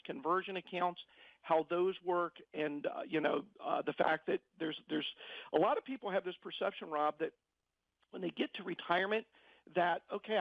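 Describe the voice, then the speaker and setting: A man's voice: sits high, gravelly, no room sound, lo-fi sound. A middle-aged man explaining things as a financial advisor in a radio interview, often repeating words as he searches for phrasing.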